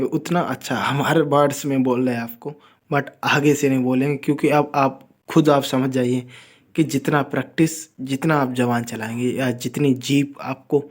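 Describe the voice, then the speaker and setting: A man teaching English in a casual spoken lesson, repeating words slowly and talking to viewers as friends. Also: medium pitch. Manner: addresses viewers as friends, informal.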